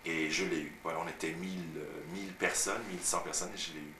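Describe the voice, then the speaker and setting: Speaking fast in a low register, this young French actor from Paris chats through anecdotes from his working life, often saying "tu vois." It's a relaxed interview filmed at home, picked up by a far-off camera microphone that leaves the sound distant, echoey and noisy.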